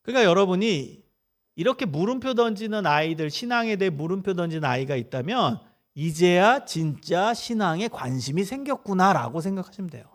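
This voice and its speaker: Animated high-voiced man lecturing in church. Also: fairly quick. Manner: animated, acts out parent and child dialogue, asks the audience to repeat. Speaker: professor giving a parenting lecture at church. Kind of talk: lively church lecture with acted-out examples. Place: church sanctuary.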